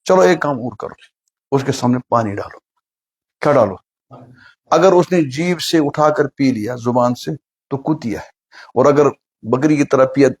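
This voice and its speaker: Husky-voiced man preaching with a story. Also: medium pitch, a little mellow. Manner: asks the audience questions, acts out story characters. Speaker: Islamic preacher. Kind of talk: sermon with a humorous story.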